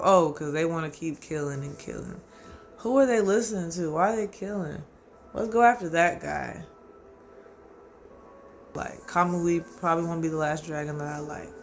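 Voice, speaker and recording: A man hosting his own channel, rambling through a casual, profane, excitable recap of an anime and often acting out his own reactions. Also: on the high side, a little hiss or hum. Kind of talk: casual solo anime commentary.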